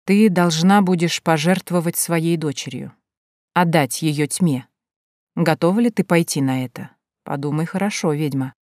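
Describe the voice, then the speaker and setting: A woman voicing a cold, menacing otherworldly man in an audiobook, speaking slowly and sinking to a hushed, drawn-out tone. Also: sits low, no room sound, clean studio sound, natural voice. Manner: slow, drawn-out, dropping to a hush.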